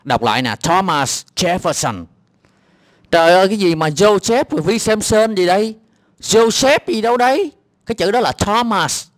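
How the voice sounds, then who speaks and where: A man's voice: a little high, no room sound, studio quality. A man with a Southern Vietnamese accent giving exasperated, mocking reaction commentary on a clip, with lots of hesitant filler sounds. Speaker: video commentator.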